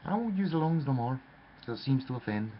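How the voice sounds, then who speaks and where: A man spins a rambling, theatrical tale and calls the listener "lad." His medium-pitched voice swings widely in pitch and runs a little fast, over a dull lo-fi recording with faint noise.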